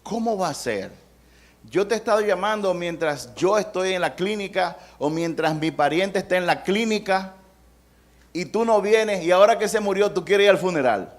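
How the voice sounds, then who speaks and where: A middle-aged pastor delivers a sermon in a conversational, storytelling way, acting out what people say and mixing in humor. His voice sits somewhat high for a man. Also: animated, normal speed. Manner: conversational preaching with acted-out quotes and humor.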